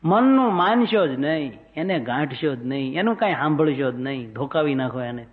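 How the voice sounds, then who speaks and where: High-voiced man chanting devotional verses. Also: expressive. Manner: chants verses slowly then explains in rustic speech. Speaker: religious storyteller. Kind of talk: devotional discourse with sung verses. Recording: dull lo-fi recording.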